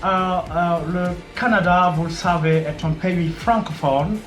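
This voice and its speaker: A man's voice: high-pitched, a little slow, a bit bright. A proud young man, put on by a man boasts with many hesitations. The room is roomy, with faint music behind. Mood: boastful.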